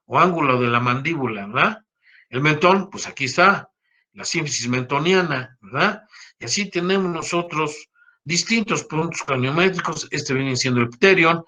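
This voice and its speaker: An older man teaching an anatomy class, explaining slowly and checking with his students through frequent tag questions. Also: on the high side, pushed and bright. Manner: slows down to spell out key terms. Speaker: anatomy professor. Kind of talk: university lecture.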